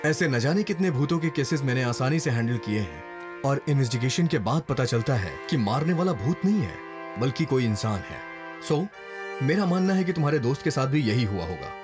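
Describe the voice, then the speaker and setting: A man's voice: medium pitch, big pitch swings, moderate pace, close to an everyday voice. An actor dubbing a confident male police investigator who lectures patiently and slips English phrases into his speech. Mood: firm, persuasive. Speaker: police officer. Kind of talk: dubbed film dialogue. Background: film score music.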